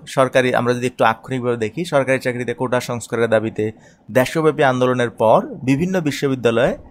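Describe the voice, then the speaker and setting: A man from Bangladesh teaches English through a newspaper editorial. He reads each English phrase slowly and deliberately, then translates and explains it in a measured, everyday voice of middle pitch. He keeps asking little questions aloud and answering them himself.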